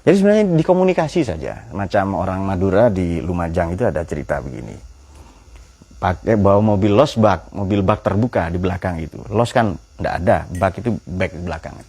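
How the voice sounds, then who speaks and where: A man's voice: sits low, expressive, a little fast, darkish tone, husky. A man teaching a Quran study class. He puts questions to his students and tells light anecdotes.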